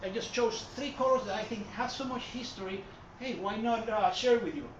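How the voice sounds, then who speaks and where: In a reverberant gallery hall, a Puerto Rican man with a matching Spanish accent gives an art history talk at normal speed and a middling pitch, rambling, correcting himself, and filling gaps with lots of "uh" and "um." The mic sits far back, so his voice comes through dull and muffled over a constant hiss and murmur.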